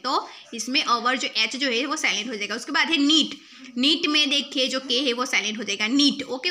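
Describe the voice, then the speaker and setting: A woman's voice: fairly high pitch, pushed and bright. A woman teacher recording a video lesson, spelling out words letter by letter and repeating each meaning twice.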